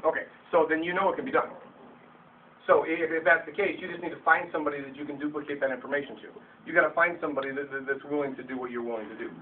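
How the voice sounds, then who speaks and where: High-voiced, fast-talking man coaching from afar. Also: steady tone. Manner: blunt, emphatic, stumbles over restarts, gets fired up. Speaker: sales leader coaching his team. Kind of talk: motivational Q&A talk. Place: meeting room with an audience. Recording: distant, tinny, faintly hissy camera audio.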